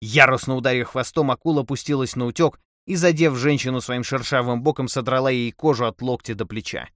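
A man narrating an adventure story in a measured, steady voice. His pitch sits in the middle range. The recording is dry and close. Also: no room sound. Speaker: audiobook narrator. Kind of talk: scripted narration.

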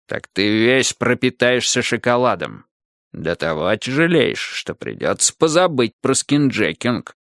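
A man doing a low, menacing chocolate ogre. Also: creaky, fairly bright tone, no room sound, clean studio sound, exaggerated voice. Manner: slow, low and threatening. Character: gaunt chocolate ogre monster, defiant.

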